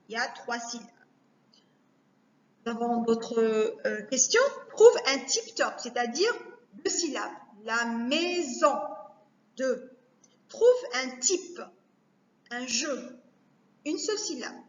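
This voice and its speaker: A woman teacher giving a recorded lesson to young children, speaking slowly and carefully, repeating each word to break it down. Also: fairly high pitch. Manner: slow, careful, repeats words to spell them out. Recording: echoey room, dull lo-fi sound.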